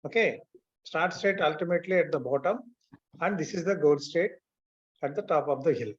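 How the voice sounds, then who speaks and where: A man with a fairly high pitch and a Telugu Indian accent talks a little fast as he takes an online class through each step. Telugu and English blend in his speech, he keeps checking that students follow along, and the audio is muffled and lo-fi.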